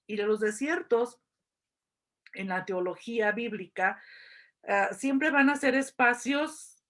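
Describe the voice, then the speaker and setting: A middle-aged woman lecturing on scripture, explaining slowly and deliberately over presentation slides. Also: a little high, a bit bright. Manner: slow, deliberate, thoughtful explanation. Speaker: biblical studies lecturer.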